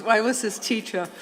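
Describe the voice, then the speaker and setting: A woman city councilor making friendly, chatty remarks at a meeting. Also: fairly high pitch.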